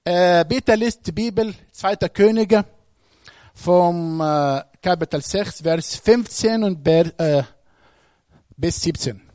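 A man's voice: high voice, takes it slowly, a little mellow, no room sound, studio quality. A man preaching a sermon, speaking emphatically and putting questions straight to the congregation.

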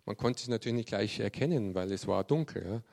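A man giving a sermon to a youth group, reading scripture and telling the story with lively acted-out quotes. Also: lowish voice, fast talker, gravelly. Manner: lively storyteller who acts out quoted speech.

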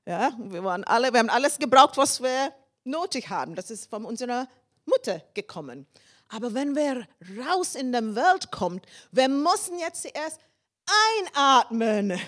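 Lively woman preaching, laughs often. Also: fairly high pitch, moderate pace. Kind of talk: sermon.

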